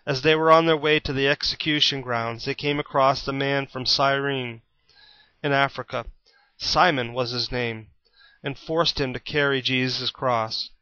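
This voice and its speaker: A man reads scripture aloud with a bright, forward tone. His delivery is steady and plain, like a storyteller. The recording is dry and slightly dull. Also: medium pitch, measured pace, dry recording. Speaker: Bible reader. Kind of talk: scripted Bible reading.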